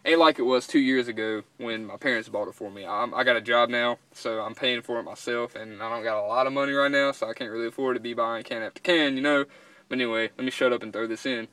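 A man's voice: medium pitch, fairly even intonation, fast talker, bright, forceful tone, no echo. Casual young man, dry sound. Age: young adult. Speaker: vlogger and dip reviewer. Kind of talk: casual chat. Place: inside a parked pickup truck cab.

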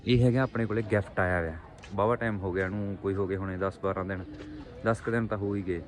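Quick and fairly even in intonation, the man's low voice carries over birds and noisy outdoor ambience. He's a pigeon-keeping vlogger chatting informally with viewers like friends from a home rooftop.

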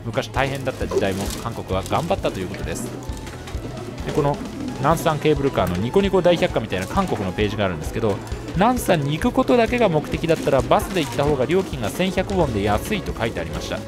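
Lively fast-talking man narrating travels. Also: mid-range voice, over music. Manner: chatty, explanatory, lightly joking asides. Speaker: travel vlogger.

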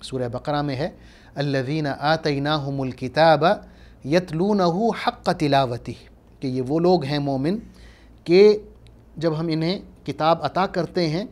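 Earnest Urdu-accented male scholar. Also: fairly high pitch. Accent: Pakistani Urdu. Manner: measured, emphatic teaching with Arabic recitation. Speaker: Islamic scholar. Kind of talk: religious lecture.

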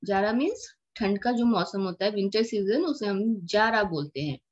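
A woman's voice: mid-range voice, lively intonation, moderate pace. A woman teaching a lesson to young children, patiently repeating words and explaining each one in English. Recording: dull lo-fi recording.

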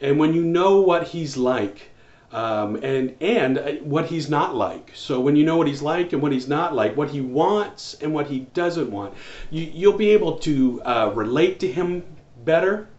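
A pastor in his forties preaches a home church sermon to the camera, earnest but full of restarts and fillers. His voice is fairly high, animated, a bit slow and darkish in tone. He's indoors in a small room with wall shelves, and the audio sounds roomy and slightly dull.

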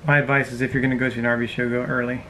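A man's voice: medium pitch, level tone, racing, a bit bright, slight background noise, low-quality recording. Easygoing man in his thirties, chatting. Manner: easygoing, rambling with fillers. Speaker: vlogger. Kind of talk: casual chat. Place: seated inside a parked RV. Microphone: camera close in front.

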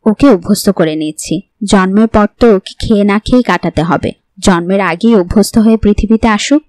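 A woman's voice: mid-range voice, normal speed, darkish tone, no echo, close to an everyday voice. A woman voicing a young pregnant wife who is oddly cheerful. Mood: cheerful, teasing.

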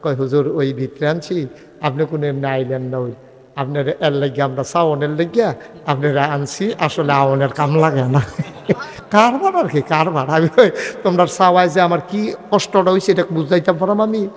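A man's voice: a little high, normal speed. Rousing preacher man, long reverb. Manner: rousing, prompts the crowd to call back responses; conversational, storytelling with dialogue. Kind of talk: humorous Islamic sermon at a religious gathering.

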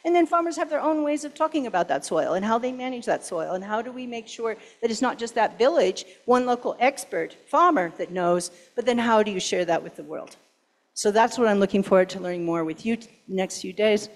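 A woman speaking at a conference, punching key words and tossing rhetorical questions at the audience. Her voice sits at a middle pitch. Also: animated, fairly quick. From Pacific Northwest, US. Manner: emphatic, rhetorical questions, urgent. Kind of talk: conference talk and Q&A.

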